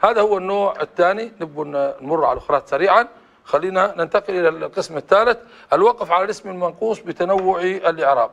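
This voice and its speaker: A man's voice: sits high, very fast, gravelly, fairly bright tone, muffled recording. A man teaching a classroom grammar lesson, often asking the class short prompting questions. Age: adult.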